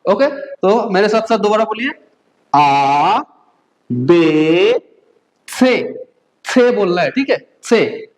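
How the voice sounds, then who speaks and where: A woman from India teaching a beginner German lesson. She drills letter sounds slowly and keeps checking that the learners follow. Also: mid-range voice, a little mellow, low-quality recording. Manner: patient drilling, frequent "okay?" check-ins, slow spelled-out letters.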